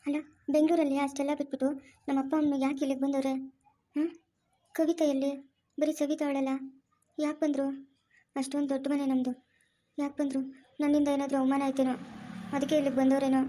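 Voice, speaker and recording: Woman doing a remorseful young pregnant wife, fast talker, high voice, family drama. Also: flat delivery, mellow, close to an everyday voice. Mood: grieving. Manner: plaintive, self-blaming.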